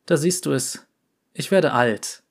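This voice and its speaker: A man voicing a shy, gentle porcelain clockwork boy in a storybook, soft-spoken and playful. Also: on the high side, unhurried, gravelly.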